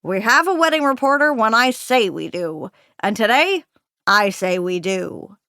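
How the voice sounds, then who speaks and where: A woman voicing a gruff, bossy male newspaper editor in an audiobook, speaking bluntly and emphatically in a cozy mystery narrator's performance. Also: a little high, expressive, a little slow, pushed and bright, dry recording, clean studio sound, heavily acted. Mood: firm, dismissive. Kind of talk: audiobook character dialogue.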